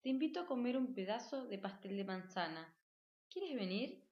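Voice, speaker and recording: A woman voicing a gentle motherly bear. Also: mid-range voice, expressive, moderate pace, roomy sound, highs cut off, natural voice. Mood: tender. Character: gentle motherly she-bear, kind and warm.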